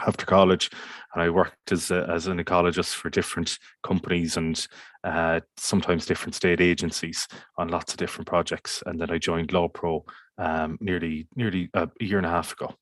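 A man's voice: deep voice, level tone, brisk, a bit bright, no room sound, studio quality. A man with a west of Ireland accent, chatting casually as an interview guest in a hesitant, meandering way. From County Mayo, Ireland. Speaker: podcast guest, community water officer.

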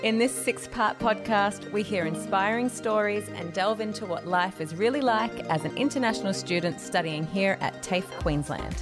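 A woman's voice: medium pitch, normal speed, hardly any pauses, over music. A woman hosting a podcast, friendly and encouraging as she introduces and interviews a guest. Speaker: podcast host.

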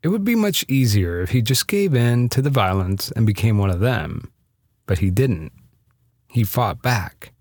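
A man's voice: fairly low pitch, very animated, unhurried, a little mellow, dry recording, studio quality. A man narrating a scripted true-story podcast with a dramatic storytelling delivery.

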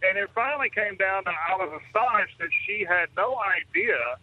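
A man calling in over the phone, his slightly high voice thinned by a muffled line. He lays out his point earnestly and at length, like a working trucker talking to a radio host. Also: lively intonation, moderate pace, dry recording. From Texas. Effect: heard over the phone. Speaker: caller, truck driver. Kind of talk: call-in talk radio chat.

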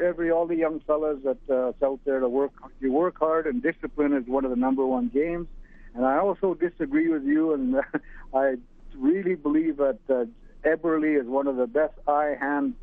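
Older caller heard over a tinny, dry phone line; rambling, halting delivery. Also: male voice, on the high side, no echo. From Alberta, Canada. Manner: rambling, halting with many uhs. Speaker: radio caller. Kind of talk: casual phone-in chat.

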